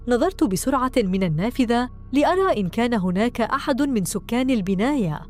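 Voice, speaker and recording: A woman narrating a first-person story in an expressive storytelling manner. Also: fairly high pitch.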